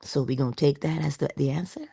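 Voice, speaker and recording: A woman giving an inspirational spoken reflection, slow and emphatic, posing rhetorical questions and dropping into soft whispered asides. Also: deep voice, creaky, slightly rough, no echo, studio quality. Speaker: inspirational speaker.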